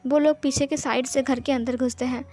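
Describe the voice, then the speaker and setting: A woman reading a romance story aloud as a storyteller, in plain, steady narration. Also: high voice, a little fast.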